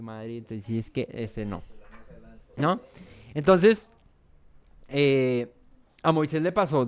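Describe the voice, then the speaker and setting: A man's voice: mid-range voice, darkish tone, clean tone. A man with a Bogotá Colombian accent teaching a verse-by-verse Bible study in a conversational way, often asking "right?" and restarting his sentences. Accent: Bogotá Colombian Spanish. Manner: conversational, asks "¿cierto?" and "¿no?" often, with many restarts.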